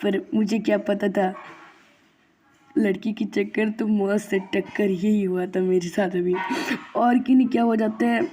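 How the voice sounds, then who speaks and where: A woman's voice: medium pitch, steady tone, unhurried, mellow, slight background noise. A woman casually telling a long first-person story, rambling and repeating herself with many fillers and restarts.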